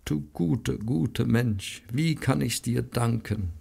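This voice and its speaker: A man's voice: mid-range voice, slow pace, vocal fry, dark tone, slightly rough, pitched above the performer's own voice, exaggerated voice. A man voicing a frail, tearful sick woman. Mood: grateful. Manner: tearful, pleading. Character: sick grey-haired woman, remorseful and grateful.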